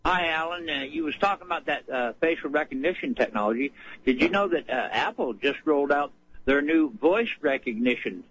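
A man's voice: a little high, expressive, brisk, a bit bright, slightly rough. A man from Louisiana calling in to a radio show over the phone, chatting in a folksy, wry, sarcastic way. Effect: heard over the phone. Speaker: radio call-in caller. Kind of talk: casual call-in chat. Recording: muffled phone line with faint noise.

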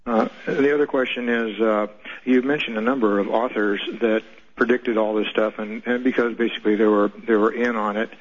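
A man calling into a talk show over the phone, halting and full of "uh" fillers. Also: lowish voice, steady tone. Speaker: caller. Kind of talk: call-in question. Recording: dull phone-line audio.

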